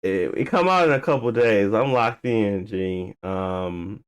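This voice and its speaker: Co-hosting a gaming podcast, a deep-voiced man chats casually about video games, loosely and informally, working out his thoughts mid-sentence. He's unhurried, with a clean tone, and the audio is dry with no room sound.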